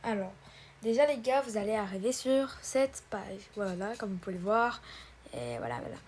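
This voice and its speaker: A woman's voice: medium pitch, expressive, moderate pace, a little mellow, a little hiss or hum. A woman hosting a casual tutorial, talking hesitantly with many fillers and restarts. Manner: addresses viewers as "guys" and "brothers". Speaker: tutorial host. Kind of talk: casual screen-recorded tutorial.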